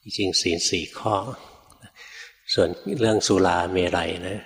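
An older male Buddhist monk with a lowish voice tells stories in a relaxed, homely sermon. He keeps tacking a gentle tag particle onto his phrases, and his voice rings out with a long reverb, as in a large hall. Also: a little slow. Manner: relaxed, folksy, peppers speech with a soft tag particle, acts out quoted voices. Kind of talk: storytelling sermon.

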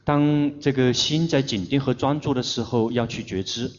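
A man interpreting a meditation teacher's talk, speaking deliberately and searching for words as he renders each phrase. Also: mid-range voice. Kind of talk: consecutive interpreting of a dharma talk. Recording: dull lo-fi recording.

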